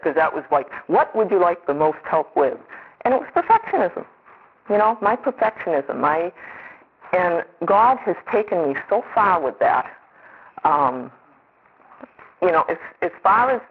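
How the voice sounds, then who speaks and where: A woman's voice: low-pitched, slightly rough. A middle-aged woman giving an earnest, rambling personal testimony, often restarting her sentences as she speaks. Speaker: speaker sharing a recovery story. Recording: tinny phone-like recording.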